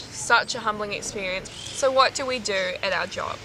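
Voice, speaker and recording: A woman's voice: medium pitch, moderate pace. A young woman with a New Zealand accent, a volunteer talking earnestly and chattily to camera, often saying "like.". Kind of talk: casual talk to camera. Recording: loud noise behind the voice.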